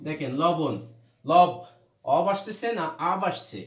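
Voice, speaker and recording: A man's voice: fairly high pitch, a little slow, a bit bright. A man from Bangladesh teaching a grammar lesson, repeating rules and asking questions that he answers himself. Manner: repetitive, asks questions then answers them. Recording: roomy echo.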